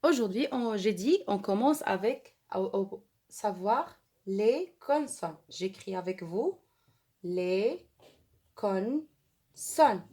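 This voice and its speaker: Arabic-accented woman teaching French slowly. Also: mid-range voice, lively intonation, dark tone, slightly rough. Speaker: primary school French teacher. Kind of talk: online lesson for children.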